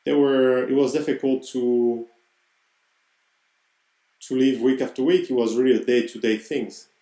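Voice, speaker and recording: A man in his thirties from Cameroon speaks in an earnest, reflective podcast monologue. His voice is mellow and warm, and he pauses to search for words. The room around him sounds roomy and echoey. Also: medium pitch, steady tone. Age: 30s. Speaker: podcast host.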